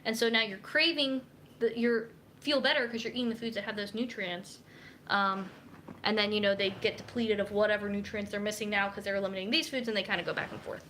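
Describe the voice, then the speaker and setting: A woman's voice: medium pitch, fairly even intonation, quick pace, fairly bright tone, a little hiss or hum. A young woman, a dietitian, chatting casually on a live cooking stream, reading viewer comments aloud as she chops vegetables in her kitchen. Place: home kitchen.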